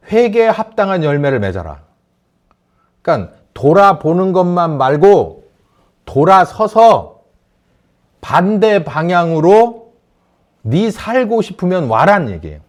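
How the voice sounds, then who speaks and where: A male pastor delivering a sermon, his voice sitting a little high and swinging widely in pitch. He asks the congregation questions as he goes and acts out shouted quotes with force.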